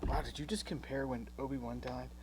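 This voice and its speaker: A man's voice: mid-range voice, steady tone, brisk, a little hiss or hum, poor audio. A man co-hosting a casual show, teasing his partner dryly while building a toy set. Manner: dry teasing, playful. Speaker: co-host.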